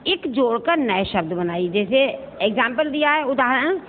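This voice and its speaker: A woman's voice: a little high, animated, normal speed. A woman, a Hindi school teacher, works through a worksheet for her students, explaining each answer step by step and often asking whether they understand. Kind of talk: recorded online lesson going through a worksheet. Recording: echoey, tinny phone-like recording with faint hiss.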